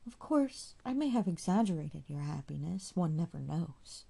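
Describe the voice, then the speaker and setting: Woman doing a gentle, wistful young man. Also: deep voice, big pitch swings, moderate pace, vocal fry, husky, exaggerated voice.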